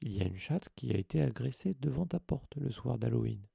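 A man voicing an earnest, bossy schoolgirl in an audiobook, brisk and a little flustered. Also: mid-range voice, expressive, creaky, warm tone, breathy edge, dry recording, clean studio sound, pitched above the performer's own voice, exaggerated voice. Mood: coaxing. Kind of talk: audiobook character voice.

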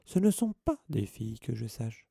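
A man voicing the touchy ghost of a teenage girl in an audiobook, wailing in a high, sobbing lament. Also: very animated, moderate pace, creaky, dark tone, breathy edge, no echo, clean studio sound, heavily acted. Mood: suspicious. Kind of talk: audiobook character voice.

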